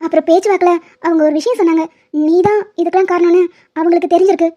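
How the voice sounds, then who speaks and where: A woman voicing a sassy young female college student with a sarcastic, sharp-tongued manner. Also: very high voice, fairly even intonation, rapid-fire, highs cut off. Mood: pleading.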